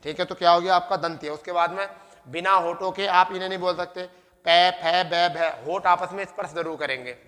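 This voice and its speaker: A male teacher with a high, bright, ringing voice drills exam students through a lesson. He asks a question and answers it again and again, and calls the students "beta". The sound carries a long, echoey reverb from the room. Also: fast. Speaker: Hindi grammar teacher.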